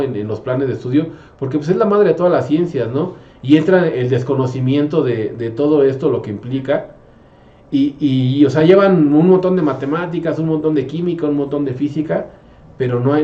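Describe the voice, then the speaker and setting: Mellow man, rambling chat. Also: medium pitch. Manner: rambling, many fillers and restarts. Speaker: host, math teacher. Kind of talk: casual conversation. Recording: roomy, slightly dull sound.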